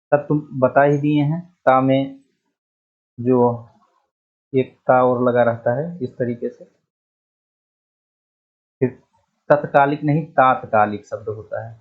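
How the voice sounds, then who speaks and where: A man teaching an exam-prep grammar lesson, explaining each point deliberately and repeating the correct word. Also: mid-range voice, breathy edge, phone-quality sound. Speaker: Hindi teacher.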